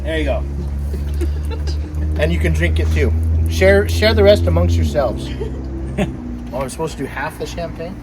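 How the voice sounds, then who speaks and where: A man's voice: on the high side, moderate pace, long pauses, music in the background, poor audio. A man who owns a boat, joking casually with friends and reading a formal renaming ceremony aloud, tripping over the grand words. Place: outdoors at a marina boat launch. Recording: loud outdoor traffic noise.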